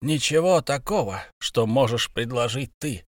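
A man's voice: mid-range voice, expressive, a little slow, dry recording, studio quality, natural voice. A man playing a proud, stubborn dwarf king who speaks sternly and harshly.

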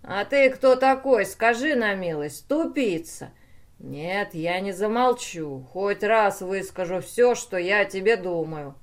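A woman's voice: medium pitch, expressive, takes it slowly, hardly any pauses. A woman voicing a drunken, boastful male machine brain that insults its maker. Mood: scornful. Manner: insulting, then groaning.

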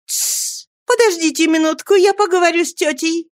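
A gentle young lady of the house, as the woman reading puts her on, her voice pitched high above the narration. She speaks softly and tenderly, a little louder when she pleads for kindness, on a dry, close recording. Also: lively intonation, normal speed, dry recording. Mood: hushing. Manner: soft and tender, hushing.

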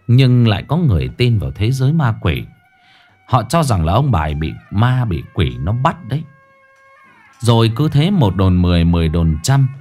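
A man's voice: on the low side, a little mellow. A man narrating a ghost story, dramatic and blunt, with coarse slang.

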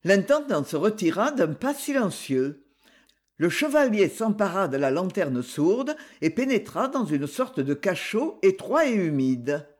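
A man narrating an adventure audiobook in an expressive, dramatic reading style. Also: high-pitched, a little slow. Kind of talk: scripted narration.

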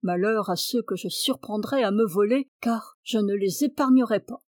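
A woman voicing a cruel, quick-tempered male lord who shouts orders at his servant in a folk tale. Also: medium pitch, no room sound, clean studio sound, natural voice. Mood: commanding. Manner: shouting and commanding.

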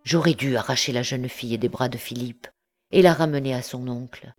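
A woman's voice: a bass voice, brisk, darkish tone. A woman voicing an anguished young man. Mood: remorseful. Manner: pleading, earnest. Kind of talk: audiobook reading.

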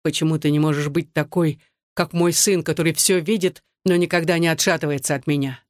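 A reader voicing an anguished, bitter soldier husband who speaks low and clipped through gritted teeth, in an audiobook. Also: male voice, fairly even intonation, a little fast, dry recording, clean studio sound, natural voice. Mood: scornful. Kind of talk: audiobook dialogue.

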